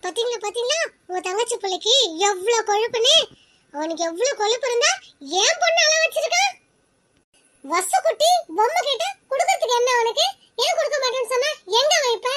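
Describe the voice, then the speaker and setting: Cartoon mom, woman voicing, squeaky-high and combative, always scolding. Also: fast talker, slight background noise. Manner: shrill, scolding, picks fights. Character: quarrelsome mother, defensive of her daughter. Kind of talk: cartoon voice acting.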